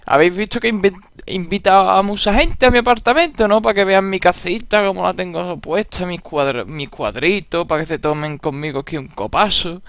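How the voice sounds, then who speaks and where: Laid-back Andalusian man, gravelly and high. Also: brisk, few pauses, fairly bright tone, dry recording. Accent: Andalusian Spanish. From Andalusia, Spain. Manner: laid-back, joking, drawling. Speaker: gaming YouTuber. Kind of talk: casual gameplay commentary.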